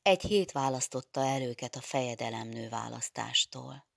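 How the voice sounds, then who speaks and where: A woman narrating a literary audiobook with a measured, steady reading. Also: extremely low pitch, vocal fry, no echo, clean studio sound.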